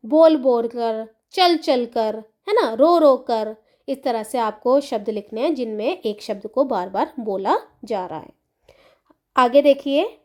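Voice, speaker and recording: A woman's voice: sits high, dark tone. A woman teacher patiently explaining a textbook chapter to young children, repeating key words and checking they follow.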